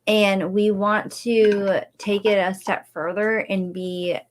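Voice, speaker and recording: A woman's voice: medium pitch, flat delivery, slow pace. A woman co-hosting a couple's podcast, chatty and laughing easily, explaining plans with hesitant fillers. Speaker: podcast co-host. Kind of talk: casual chat.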